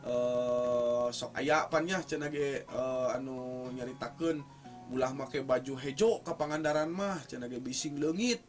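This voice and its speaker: A man with a mid-range voice and a Sundanese West Java accent explains folk tales like a teacher, speaking a little slowly. His delivery is informal, hesitant, and conversational, repeating key words for emphasis, with music playing beneath his voice.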